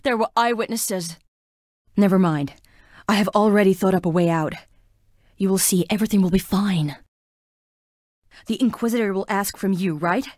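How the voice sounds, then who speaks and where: An actress voices a frail, melancholy young woman in a plague-stricken town, delivering video game lines in a wistful, languid, theatrical style that sounds anxious yet hopeful. Her mid-range voice has a darkish tone, moves at normal speed with frequent pauses, and is lightly acted. The recording is dry and studio quality.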